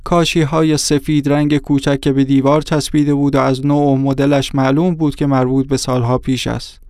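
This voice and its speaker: A man narrating an audiobook in a measured, descriptive storytelling manner. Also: mid-range voice, little pitch movement, darkish tone, dry recording, studio quality.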